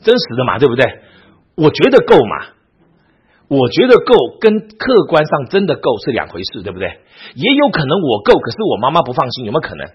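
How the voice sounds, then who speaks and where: A husky-voiced man leads a Bible class like a sermon, his pitch rising and falling with lively emphasis. He keeps checking in with rhetorical questions to the room. The recording is dull and lo-fi. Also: brisk. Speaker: Bible teacher. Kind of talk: teaching sermon.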